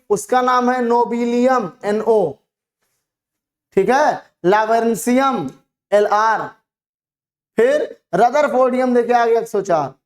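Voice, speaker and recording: Teaching chemistry online, a mid-pitched teacher poses questions aloud and immediately answers them. Each term is spelled out and slowly repeated to help students remember it.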